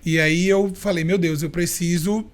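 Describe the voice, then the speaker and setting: A young man from Recife, a chef and podcast guest, telling his story in a playful, expressive and talkative way. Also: fairly high pitch, moderate pace. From Recife, Brazil. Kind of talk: casual interview storytelling.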